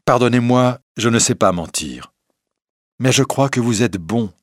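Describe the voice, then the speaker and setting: A timid but warm young heroine from a storybook, as a male reader puts her on. Her lines are soft and sincere and rise and fall in a lively way. The voice is husky and close. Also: medium pitch, unhurried, no echo, pitched above the performer's own voice. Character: kind, honest young woman, timid yet warm.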